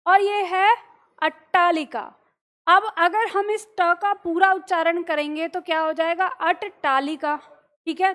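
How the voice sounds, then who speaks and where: A woman teaching an online class, explaining step by step, dictating notes slowly and asking the students questions she then answers herself. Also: high voice, a bit bright. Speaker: Hindi teacher.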